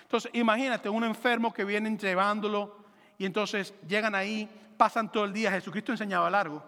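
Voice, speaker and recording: Lively joking pastor in a reverberant hall. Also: male voice, high-pitched, fairly quick. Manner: animated, joking, acts out biblical dialogue in voices. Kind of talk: sermon.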